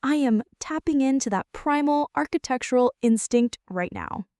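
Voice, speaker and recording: In this intimate scripted ASMR roleplay, a woman portrays a flirty friend who's playfully bossy, talking right to the listener with mock-dramatic flair and a playfully insistent mood. Her voice is high yet darkish in tone, with lively intonation at a moderate pace; studio quality, no echo.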